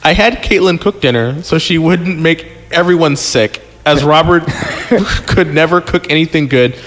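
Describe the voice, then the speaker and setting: The podcast host's voice is a little high and a bit bright, with a measured pace. He reads a story aloud casually, fumbling the text and pausing to joke and comment, as music plays under a recording with long reverb.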